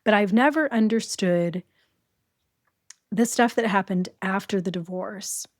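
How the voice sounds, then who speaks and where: A middle-aged woman appears as a podcast guest and candidly shares her own story as a domestic violence survivor in a conversational interview. Her medium-pitched voice moves a little slowly, captured dry at studio quality.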